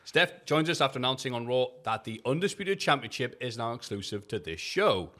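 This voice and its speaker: A man's voice: medium pitch, sing-song, a little fast, sharp tone. A man co-hosting a wrestling review podcast, reading his written recap in a jokey, casual way, swearing and laughing often.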